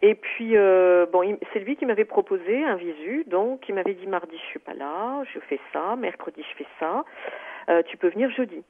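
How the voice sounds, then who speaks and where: A woman's voice: mid-range voice, expressive, moderate pace. A woman calling in to tell a personal story, talking hesitantly with many fillers and restarts. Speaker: caller. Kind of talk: phone-in personal account. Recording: tinny phone line.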